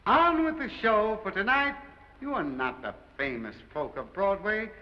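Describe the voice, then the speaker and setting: A theatrical nightclub emcee from a 1930s film. His high voice swoops widely through florid, sentimental announcements. It rings through a long hall echo. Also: animated. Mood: grandly sentimental. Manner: theatrical, grandiloquent, drawn-out phrases. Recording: echoing hall, dull 1930s film soundtrack.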